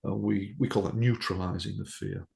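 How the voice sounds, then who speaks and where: Gravelly man telling a case story. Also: fairly low pitch, fairly even intonation, normal speed, a little mellow. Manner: anecdotal, with frequent ums and restarts. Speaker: hypnotherapist. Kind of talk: casual podcast storytelling.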